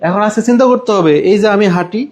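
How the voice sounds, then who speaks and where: Man teaching French, fairly high voice. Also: crowd noise. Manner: explains in Bengali, slows down to say French phrases. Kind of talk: live online language class.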